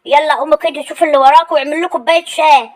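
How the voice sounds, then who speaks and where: A very high-pitched, fast-talking Egyptian mother-in-law , played by a woman in a comedy sketch. She nags and scolds without pause, ordering everyone around and complaining endlessly. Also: steady tone, a little mellow, natural voice. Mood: bossy. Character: nagging, demanding older mother-in-law.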